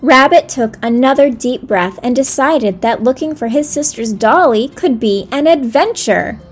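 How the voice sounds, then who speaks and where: Gentle woman reading a children's story. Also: fairly high pitch, slight background noise.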